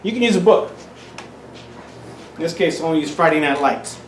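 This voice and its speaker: A man's voice: a little high, expressive, brisk. A middle-aged man giving parents casual, folksy tips on teaching children numbers, often restarting his phrases. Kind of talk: casual instructional demonstration. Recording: roomy echo, off-mic, faint hiss.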